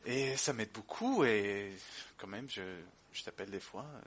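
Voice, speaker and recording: Man speaking halting French as a non-native. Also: fairly low pitch, fairly bright tone, slightly rough. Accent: foreign, English-speaking. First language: English. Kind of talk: casual chat, reminiscing.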